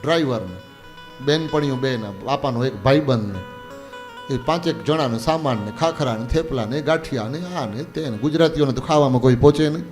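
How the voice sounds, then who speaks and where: A man telling a religious story as a sermon, acting out the dialogue in lively voices. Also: medium pitch, fairly quick, soft background music. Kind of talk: Gujarati katha sermon. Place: spiritual gathering.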